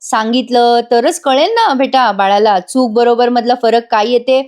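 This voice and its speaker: A woman retelling the lines of an affectionate older father-in-law who chats in a warm, teasing way. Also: on the high side, normal speed, natural voice. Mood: gently firm.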